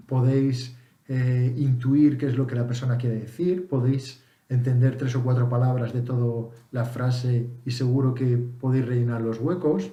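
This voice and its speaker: Relaxed Spanish man teaching in an echoey room. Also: medium pitch. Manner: relaxed, thinking aloud with many fillers and restarts. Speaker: English teacher. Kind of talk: casual spoken lesson.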